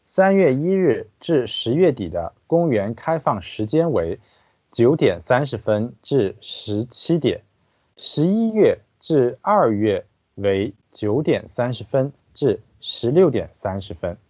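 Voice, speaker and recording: Very slow, careful man teaching pronunciation. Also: medium pitch, big pitch swings, mellow, dry recording, dull audio. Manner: slow, deliberate, careful explanations. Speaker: language teacher guest. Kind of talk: translating and explaining pronunciation.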